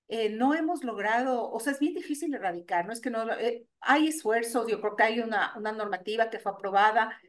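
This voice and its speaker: A middle-aged woman, an organization's director, explaining her views in a radio interview, pausing and restarting often as she thinks. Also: fairly high pitch. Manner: thoughtful, many hesitations and restarts. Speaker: guest, NGO executive director.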